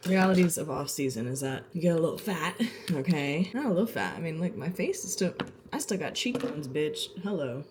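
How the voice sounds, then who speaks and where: A young woman talks to her viewers in a loose, sassy vlog chat, full of "like" and quick asides. She sounds a little out of breath. Faint background noise sits under her voice. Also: low-pitched, animated. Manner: chatty, sassy, lots of "like" fillers. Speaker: vlogger. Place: townhouse, indoors.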